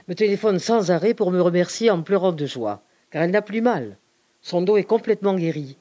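A woman giving an expressive, outspoken dramatic reading of letters. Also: on the low side. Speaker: reader.

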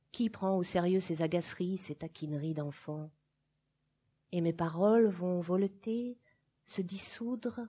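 A woman reads a novel aloud at an unhurried, deliberate pace. Her voice is soft and breathy. The reading is measured and expressive, rising in force on some phrases and sinking to near-hush on others. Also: medium pitch. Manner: measured, expressive reading with sudden swells and hushed drops. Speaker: reader of a novel. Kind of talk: literary audiobook reading.

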